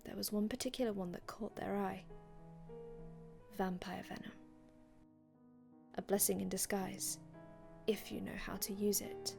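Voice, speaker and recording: Over background music, a woman with a mid-range voice portrays a sorrowful vampire from a bygone era for an ASMR roleplay. Her speech is hushed and breathy, broken by dramatic pauses and couched in formal, old-fashioned language.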